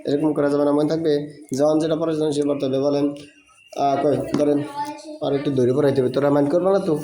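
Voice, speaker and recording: A man's voice: on the high side, steady tone, quick pace, a crowd in the background. A man teaching a child to read, chanting call-and-response drills in a coaxing, teasing way. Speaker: madrasa teacher. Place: classroom.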